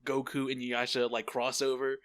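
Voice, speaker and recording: A woman's voice: rumbling low, flat delivery, fairly quick. A woman co-hosting a podcast, chatting in a laid-back, playful way. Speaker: podcast co-host. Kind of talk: casual chat.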